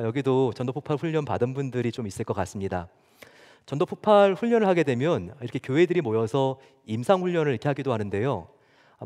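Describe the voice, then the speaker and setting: Lively male pastor in a reverberant hall. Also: mid-range voice. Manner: lively storytelling with chuckles and acted quotes. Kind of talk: sermon. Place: church sanctuary. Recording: long church hall reverb.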